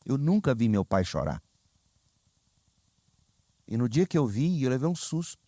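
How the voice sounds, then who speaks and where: A Brazilian man preaching a sermon as pastor, telling stories with lively, sudden high exclamations. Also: measured pace, no echo. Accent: Brazilian Portuguese. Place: church sanctuary.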